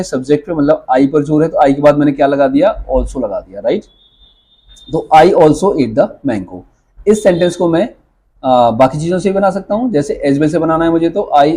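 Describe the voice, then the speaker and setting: An Indian man teaches English grammar in Hindi, his voice somewhat high and a little husky. He walks through the rules step by step, asking questions and answering them himself. He often ends points with a quick "right?" to check that the class follows. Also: mellow. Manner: explains step by step with frequent rhetorical questions and "right?". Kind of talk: spoken English lesson.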